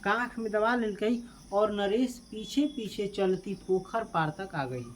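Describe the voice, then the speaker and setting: A woman teaches a class, reading a text line by line and then asking the students about it. Her pitch sits in an ordinary middle range. A faint hiss runs underneath her voice. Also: slow. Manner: repeats each line and quizzes students, mixing in local dialect. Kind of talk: explaining a school text to a class.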